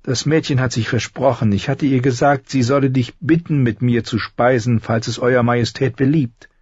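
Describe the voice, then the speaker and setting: A man voicing a gentle, timid young princess who speaks in a soft, pleading way. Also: mid-range voice, steady tone, normal speed, husky, dry recording, pitched above the performer's own voice, lightly acted. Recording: slightly dull recording.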